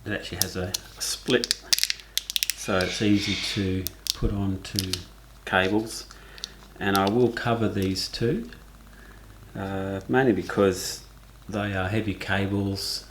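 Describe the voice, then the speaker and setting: A lowish-voiced man with an Australian accent talks through a do-it-yourself wiring job at a car's engine bay. His relaxed delivery sounds like thinking aloud as he works. A steady noise sits clearly behind him. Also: slow. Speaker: DIY car vlogger. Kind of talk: casual how-to narration.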